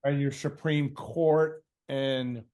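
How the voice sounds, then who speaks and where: This man's voice is mid-range, steady, slow and mellow as he responds to a question in an impromptu lecture. Running a question session, he scolds bluntly and confrontationally, swears freely, and leans on rhetorical questions and mocking imitations.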